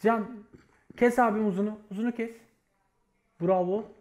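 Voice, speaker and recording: A man leading his team, shouting quick commanding callouts during a match. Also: high-pitched, steady tone. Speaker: team leader and streamer. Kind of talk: live game commentary and callouts.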